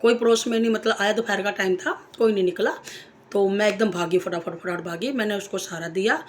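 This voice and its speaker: A woman's voice: mid-range voice, brisk. A woman talking casually to camera as a vlogger, emphatic and repetitive, asking rhetorical questions and telling personal stories. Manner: emphatic, repeats phrases, asks rhetorical questions; tells personal anecdotes. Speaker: vlogger sharing opinions. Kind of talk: casual spoken monologue.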